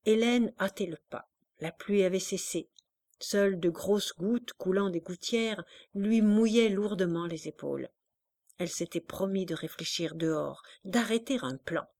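A woman reading a classic novel aloud as narrator, with expressive, dramatic storytelling. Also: mid-range voice.

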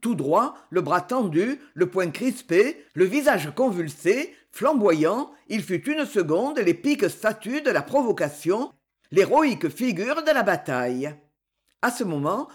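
Husky, animated audiobook narrator for a historical novel, dramatic phrasing. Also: medium pitch.

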